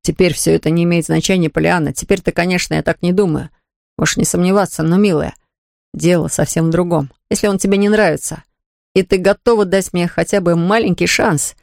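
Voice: mid-range voice, steady tone, fairly quick, gravelly, a little mellow, no room sound, studio quality, lightly acted. A reader voicing an ardent young man who earnestly begs his sweetheart. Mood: imploring. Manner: earnest, imploring.

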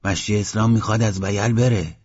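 A man voicing an insistent village elder who shouts and presses questions, in a dull lo-fi audiobook recording. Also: on the low side, steady tone, breathy edge. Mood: urgent.

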